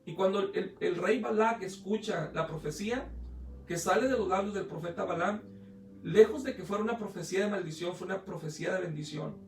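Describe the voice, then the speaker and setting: A man's voice: high-pitched, brisk, roomy sound, far from the mic, faint music behind. A man preaching a sermon as pastor, retelling a story with acted quotes, often hesitating and restarting. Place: church hall.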